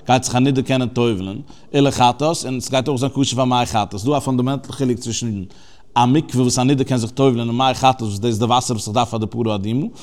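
A fast-talking man with a steady, slightly mellow voice of ordinary middle pitch gives a scripture study as a religious teacher. He breaks down each phrase and explains its Hebrew terms, speaking conversationally with fillers and restarts.

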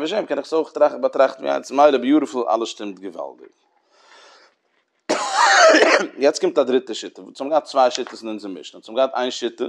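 A man at a mid pitch giving a religious study lecture. He talks things through with repeated phrases and homely examples, and sprinkles English terms into his explanations. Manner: repetitive, explaining with everyday examples. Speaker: Talmud teacher.

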